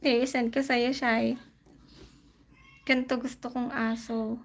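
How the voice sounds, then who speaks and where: A woman's voice: on the high side, flat delivery, measured pace. A woman casually chatting on her live stream, greeting viewers by name and answering their comments with light laughs.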